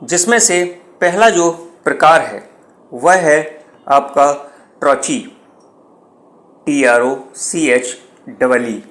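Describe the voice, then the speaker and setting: A man teaching poetry, reading each English phrase slowly and then explaining it in Hindi, with an Indian English accent. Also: a little high, a bit bright. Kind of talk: slow bilingual lecture.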